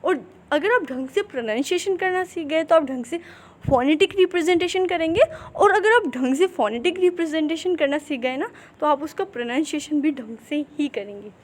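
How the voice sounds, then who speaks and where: A high-pitched woman leads a phonetics lesson. She stretches each English example word out slowly and keeps checking that her students follow. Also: animated. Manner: slow, drawn-out demonstration of English words; repeats "theek hai" to check in. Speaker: English pronunciation teacher.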